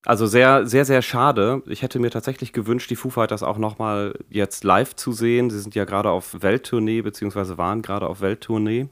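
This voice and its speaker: A man with speech hosting a casual podcast, his voice deepened and worn from a recent infection. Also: steady tone, a little fast, hardly any pauses, fairly bright tone, no echo, clean studio sound. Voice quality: deepened, croaky voice left over from an infection. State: recovering from Covid with a lingering cough, vocal cords strained. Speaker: podcast host.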